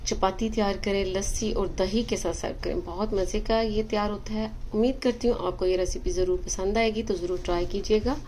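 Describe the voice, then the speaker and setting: A woman hosts a cooking lesson in a home kitchen, giving measured, methodical steps and checking in with her viewers. Her voice sits at a middle pitch, with faint sizzling and stirring behind it. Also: slight background noise, poor audio. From Pakistan. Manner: calm, methodical, checks in with "ठीक है". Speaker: cooking show host. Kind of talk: step-by-step recipe instruction. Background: frying and stirring sounds.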